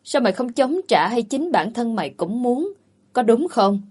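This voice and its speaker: Woman reading as snooty old rich lady, cutting and scornful, breathy voice. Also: on the high side, big pitch swings, normal speed, darkish tone, pitched above the performer's own voice. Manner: contemptuous, cutting. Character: older rich matriarch, scornful and sharp.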